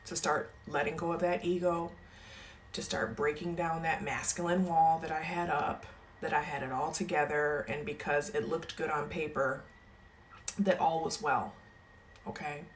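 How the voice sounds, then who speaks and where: Emphatic woman, low voice, coaching talk. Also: fairly even intonation, moderate pace, slight background noise. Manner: emphatic, keeps adding "okay?"; emotional, close to tears. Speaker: wellness coach. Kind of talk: motivational talk.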